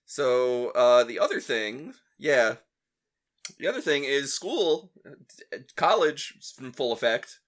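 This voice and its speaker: A man's voice: mid-range voice, big pitch swings, slow, fairly bright tone. A young adult man hosting a casual podcast chat, talkative and swearing freely. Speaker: podcast host.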